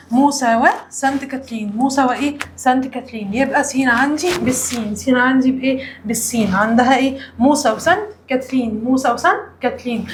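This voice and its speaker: A woman's voice: high voice, a little hiss or hum. A woman with an Egyptian Arabic accent teaching a primary school lesson, asking a question, answering it and asking it again. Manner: repeats questions and answers, uses memory tricks. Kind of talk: primary school lesson with call-and-response drills. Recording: roomy echo, faint ambience.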